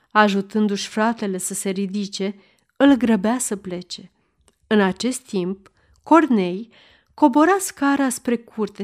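A woman reading a historical novel aloud in a measured, steady narrating voice. Her pitch sits at an ordinary middle level, and she lets the sentences unfold at an unhurried pace.

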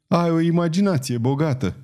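A man reading an audiobook, voicing a talkative companion who speaks in a wordy, flattering, fussy way. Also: a little high, pitched above the performer's own voice, close to an everyday voice. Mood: quizzical.

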